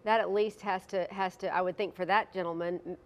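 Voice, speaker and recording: A woman's voice: lowish voice, steady tone, brisk. Woman news anchor in the studio. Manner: conversational, prompting questions.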